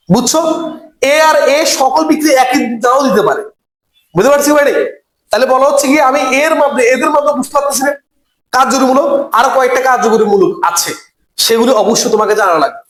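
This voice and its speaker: A man's voice: very high-pitched, fast talker. Echoey Bengali chemistry lecture by a man. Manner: quizzes students with repeated questions; repeats key terms for emphasis. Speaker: chemistry teacher. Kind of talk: classroom lecture. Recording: echoey room.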